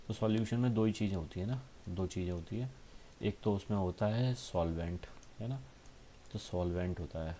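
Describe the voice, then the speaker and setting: A man teaching a school science lesson, explaining patiently with frequent tag questions and reading textbook lines slowly. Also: low voice, warm tone, a little hiss or hum. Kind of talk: classroom lesson.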